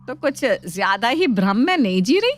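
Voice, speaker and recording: A woman voicing a scheming, sharp-tongued mother-in-law who taunts and mocks her daughter-in-law in a cartoon story. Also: fairly high pitch, sing-song, moderate pace, faint music behind. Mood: taunting. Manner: taunting, mocking. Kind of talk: cartoon voice acting.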